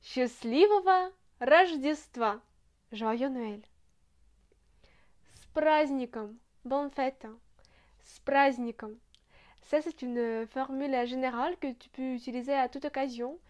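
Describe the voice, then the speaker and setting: High-voiced Russian woman teaching slowly. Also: darkish tone. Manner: slow and careful, repeating each phrase, frequent hesitations. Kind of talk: language lesson.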